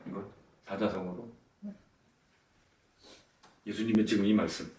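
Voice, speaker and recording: A man's voice: fairly low pitch, steady tone, a little slow, warm tone, slight background noise. A male pastor giving a conversational video sermon who acts out quoted lines with rising emphasis. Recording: roomy, from some distance off the mic.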